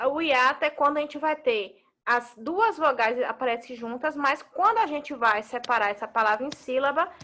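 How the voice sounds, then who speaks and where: A woman's voice: sits high, sharp tone. A Brazilian woman teaching an online class, explaining step by step and often checking in with her students. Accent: Brazilian Portuguese.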